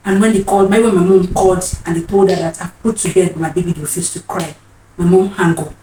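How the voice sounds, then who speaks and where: A vlogger in her 30s tells a personal story with earnest emotion, often repeating her phrases. Her voice is lowish and warm, with fairly even intonation and a quick pace. The recording sounds roomy, with a distant mic and faint noise.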